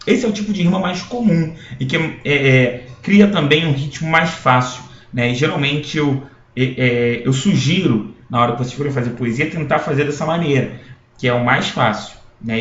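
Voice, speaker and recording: Man teaching a poetry lesson, echoey. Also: a little high. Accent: Brazilian Portuguese. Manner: explanatory, with frequent checking tags and restarts. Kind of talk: recorded classroom lecture. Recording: echoey room, dull lo-fi sound.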